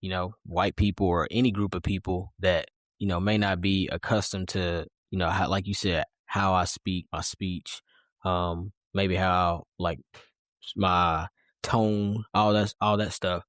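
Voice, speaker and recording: Laid back dude cohosting a podcast, lowish voice, slangy, dry mic. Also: male voice, flat delivery, a little slow, fairly bright tone, no echo. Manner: agreeable, laughs easily, chatty with slang. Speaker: podcast co-host. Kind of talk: casual conversation.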